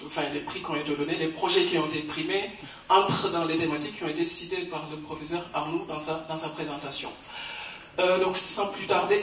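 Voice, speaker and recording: A man's voice: fairly high pitch, a bit bright, a little hiss or hum. A man presenting awards at an academic conference, explaining at length with many fillers and restarts. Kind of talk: hesitant spoken announcement. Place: conference hall. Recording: echoey hall from far off.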